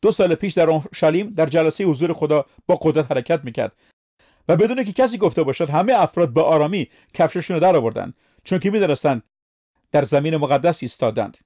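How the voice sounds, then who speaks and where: Guy preaching a sermon, pretty high voice, emphatic, keeps asking the crowd questions. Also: lively intonation, dark tone. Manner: emphatic, asks the listeners questions.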